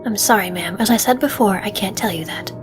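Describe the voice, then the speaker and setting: Stubborn, irritable beat cop acted by a woman, blunt video game dialogue at a middle pitch over faint music. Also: fairly quick, close to an everyday voice. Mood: firm, stonewalling. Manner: blunt, stonewalling, colloquial.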